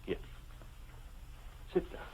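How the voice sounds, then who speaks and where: An actor playing a genial, worldly, fussing middle-aged uncle in a theatrical 1950s television drama style, with formal old-world phrasing. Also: male voice, slow pace, noisy background, natural voice. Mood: concerned.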